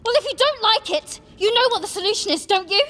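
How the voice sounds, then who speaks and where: Hermione, a shrill furious schoolgirl, put on by a man. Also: lively intonation, fast, sharp tone, heavily acted. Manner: shrill and cutting. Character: angry teenage schoolgirl, clever and proud.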